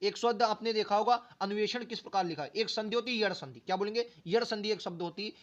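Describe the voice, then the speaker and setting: A man's voice: high voice, fast talker, highs cut off. A male teacher giving an exam-prep grammar lesson, sounding words out syllable by syllable and asking the students questions again and again. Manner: drills words aloud, repeats them syllable by syllable.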